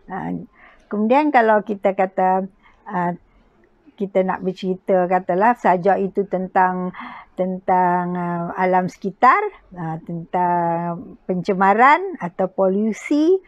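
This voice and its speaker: Slow, halting Malaysian woman giving a lesson. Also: fairly low pitch, no room sound, dull audio. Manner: halting, with frequent pauses and checking tags. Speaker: poetry recitation instructor. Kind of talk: informal spoken lecture with examples.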